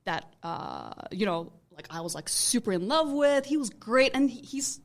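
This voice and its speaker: A woman's voice: on the high side, very animated, normal speed. A woman in her thirties from Turkey with a Turkish accent, a podcast guest in casual chat who rambles and circles back to restate her points.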